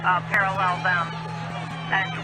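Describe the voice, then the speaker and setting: A man's voice: sits high, monotone, a little slow, a loud crowd. A man working as a police dispatcher, heard over a scanner radio, talking in clipped radio procedure. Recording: loud noisy scanner radio feed.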